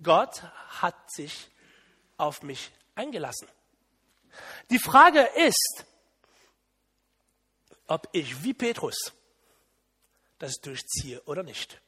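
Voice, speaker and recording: Animated high-voiced male preacher. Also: drawn-out words, pauses often, slightly rough, long reverb tail. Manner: animated storytelling, bursts of emphasis. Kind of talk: sermon.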